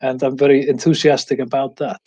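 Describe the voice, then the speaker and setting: A man's voice: medium pitch, level tone, a little fast, mellow, breathy edge. A man from Iceland, a professor giving an enthusiastic academic presentation over a video call. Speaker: guest professor.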